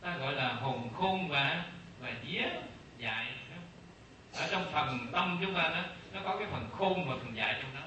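A man's voice: a little high, expressive, bright, forceful tone, slight background noise. Man teaching in a very echoey room. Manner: slow, repetitive teaching with rhetorical questions. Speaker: Buddhist monk teacher. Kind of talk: dharma talk. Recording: very echoey distant room sound, faint ambience.

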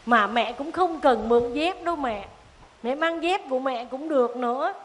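A woman voicing a frightened little boy who pleads and cries in a high, shrill voice. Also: moderate pace, natural voice. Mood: tender.

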